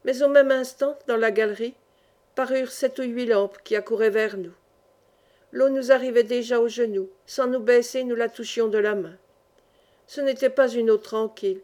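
Woman narrating an old novel, dramatic reading, kinda high voice. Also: warm tone. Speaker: audiobook narrator. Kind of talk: scripted narration of a classic novel.

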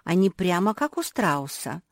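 A woman's voice: on the low side, big pitch swings, a little slow, vocal fry, no echo, studio quality, exaggerated voice. A woman voicing a clever, bossy pug sister who explains matter-of-factly and makes demands.

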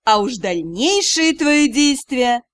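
A woman's voice: high-pitched, big pitch swings, slow pace, no echo, exaggerated voice. A woman voicing a mocking, sarcastic aristocratic male mage in an audiobook, drawling and teasing.

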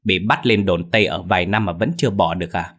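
A man voicing a cowardly male thief who grumbles and frets in quick, nervous speech. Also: low-pitched, fairly bright tone, breathy edge, full character voice.

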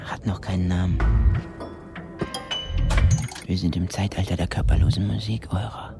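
Orpheus, a low-voiced dreamy musician. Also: male voice, steady tone, normal speed, loud music behind the voice. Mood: intimate, yearning. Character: Orpheus, eccentric young male musician, intense and yearning. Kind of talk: intimate radio play acting.

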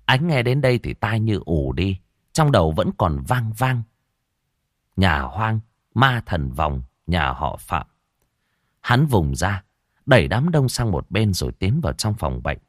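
A man narrating a horror story in a dramatic, expressive way. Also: sits low, measured pace, no echo, studio quality.

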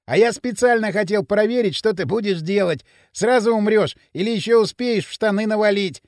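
A man's voice: high-pitched, normal speed, a little mellow, no room sound, clean studio sound, pitched above the performer's own voice. A man voicing a brash, cocky young man who jeers and bosses his friend in loose street talk. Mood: swaggering.

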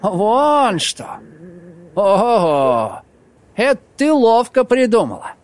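Мужчина читает за грубого вспыльчивого молодого вора, резко и отрывисто. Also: male voice, high voice, very animated, slow pace, pitched above the performer's own voice, heavily acted. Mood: rough. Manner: rough, abrupt. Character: rough hot-tempered young male thief.

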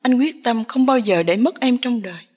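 A woman voicing a poor young village man, agitated and despairing, in a breathy voice. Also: on the high side, lively intonation, moderate pace, a little mellow. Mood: anguished.

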